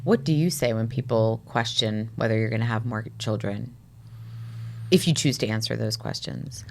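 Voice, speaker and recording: A woman's voice: rumbling low, normal speed, creaky. A woman in her forties hosting a podcast, asking questions in a casual, swearing, chatty way. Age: 40s. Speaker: podcast host. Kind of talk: casual interview chat.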